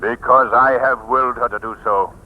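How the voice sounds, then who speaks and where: An actor playing a mysterious unseen avenger, stern and mocking, with theatrical declamation in 1940s radio style. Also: male voice, mid-range voice, steady tone, moderate pace, crowd noise, natural voice. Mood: menacing, calm. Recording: old tinny radio recording.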